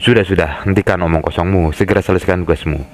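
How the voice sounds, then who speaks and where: Stern game cop, deep voice, dismissive, read by a man playing the game. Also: steady tone, very fast, lightly acted. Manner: reading game dialogue aloud, stern and dismissive. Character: stern male police officer at a crash scene.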